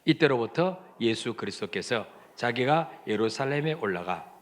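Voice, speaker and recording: A man's voice: mid-range voice, lively intonation, moderate pace. A man preaching a sermon as pastor, asking the congregation questions and acting out quoted lines.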